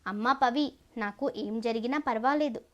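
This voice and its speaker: A woman voicing a self-sacrificing middle-aged father in an audio story, shouting and pleading. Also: fairly high pitch, moderate pace, lo-fi sound, close to an everyday voice. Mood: desperate. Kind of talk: storybook narration.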